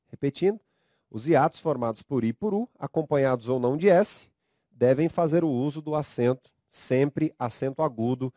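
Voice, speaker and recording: A man with a Brazilian Portuguese accent teaching a recorded grammar lecture, speaking slowly and emphatically, drawing out syllables and coaxing students to read aloud. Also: mid-range voice, mellow, no echo, studio quality. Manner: slow, emphatic, drawn-out syllables.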